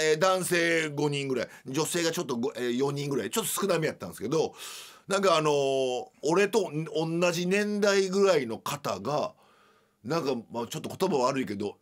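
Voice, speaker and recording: A middle-aged man with a Kansai accent, hosting a radio show and telling a story in a chatty, animated, self-mocking way. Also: on the high side. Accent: Kansai Japanese. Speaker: radio host. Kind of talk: casual storytelling monologue.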